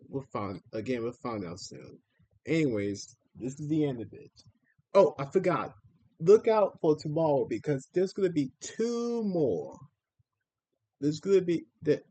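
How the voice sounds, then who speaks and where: A man's voice: fairly high pitch, warm tone. A man streamer giving casual live reaction commentary on trailers, repeating himself and exclaiming in mild slang.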